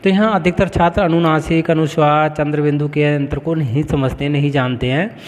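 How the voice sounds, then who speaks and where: A man giving a spoken lesson, explaining slowly and deliberately, with a frequent "okay" as he moves between points. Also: fairly high pitch, fairly even intonation, in a large hall. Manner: slow, deliberate word-by-word explanation with frequent "ठीक है". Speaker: teacher.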